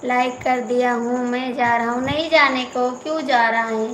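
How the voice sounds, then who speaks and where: A woman's voice: on the high side, level tone, moderate pace, fairly bright tone, reverberant, slight background noise, low-quality recording. A woman hosting a casual live stream, reading out viewer comments and pleading and teasing as she repeats her lines.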